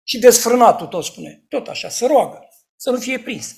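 A man preaching a sermon in an emphatic way, rising to loud outcries and dropping to hushed asides. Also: very high voice, animated.

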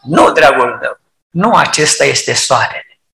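A preacher voicing a patient mother who answers her small child calmly, in a roomy hall. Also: mid-range voice, gravelly, a little hiss or hum, voice pushed down. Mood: gentle.

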